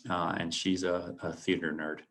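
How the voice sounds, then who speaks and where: A man in his late forties speaks to a school audience about his path and what he learned. His voice sits low. He talks earnestly but haltingly, filling pauses with ums and restarting sentences. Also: flat delivery, a bit bright, slight background noise. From San Antonio, Texas. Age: late 40s. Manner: earnest, reflective. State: a little choked up. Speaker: alumnus guest speaker. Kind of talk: presentation to students.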